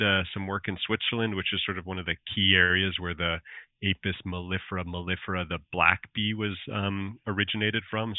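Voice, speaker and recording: A man from Alberta with a Canadian accent, a bee researcher chatting as an interview guest in a relaxed way with filler pauses. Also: low voice, no echo. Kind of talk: conversational interview. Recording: narrow phone-like sound, dry.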